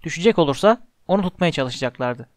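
A man's voice: on the high side, lively intonation, quick pace, dry recording. Man reading a storybook, dry and close. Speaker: audiobook narrator. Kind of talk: storybook narration.

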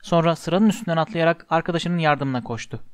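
A man narrating an audiobook in an expressive, measured storytelling manner. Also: a little high, clear, resonant tone, no echo.

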